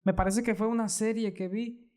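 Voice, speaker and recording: A podcast host, chatting casually with a guest, hedging and adding quick asides. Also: medium pitch, steady tone, a little mellow. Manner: conversational, hedging, fast asides. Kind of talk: casual interview chat.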